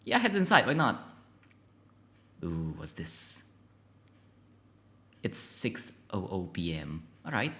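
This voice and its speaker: A man streaming a text horror game, reading its narration aloud and reacting excitedly, swearing and stumbling over words. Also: lowish voice, slow, long pauses.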